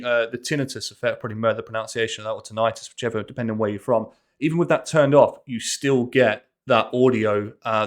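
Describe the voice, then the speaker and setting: A man chatting as a podcast guest, relaxed and agreeable. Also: medium pitch. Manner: relaxed, agreeable, short affirmations. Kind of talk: casual chat.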